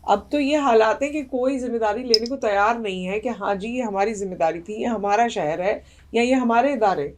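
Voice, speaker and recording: A woman hosting an interview who speaks in a measured, reflective way and backs the guest with short agreements. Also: a little high, darkish tone. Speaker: host. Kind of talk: conversational interview.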